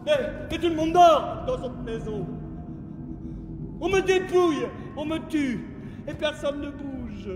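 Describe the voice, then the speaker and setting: An actor playing a panicky, miserly rich man in a live stage comedy, talking in a shrill, frantic way. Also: normal speed. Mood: panicked. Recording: roomy theater stage with music.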